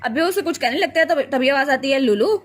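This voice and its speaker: Fast high-voiced woman storyteller. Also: fairly bright tone. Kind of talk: comic recap narration.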